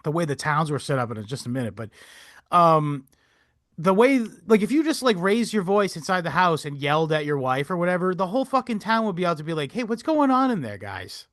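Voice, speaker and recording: Animated, rambling man with a higher voice. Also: a little fast, no room sound, clean studio sound. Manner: rambling, animated, swears, laughs often. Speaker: podcast co-host. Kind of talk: casual history podcast chat.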